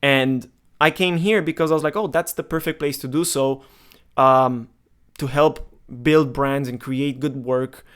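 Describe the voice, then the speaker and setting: Candid young man, smooth and clear. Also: mid-range voice, fairly even intonation, measured pace, fairly bright tone. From Romania. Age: 20s. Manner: candid, emphatic, talks straight to the viewer. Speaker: marketing vlogger. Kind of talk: casual direct-to-camera monologue.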